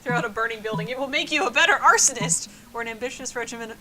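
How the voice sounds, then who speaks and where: A woman's voice: fairly high pitch, rapid-fire, sharp tone. A woman streamer reading game text aloud in a playful, giggly way. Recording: noisy stream audio.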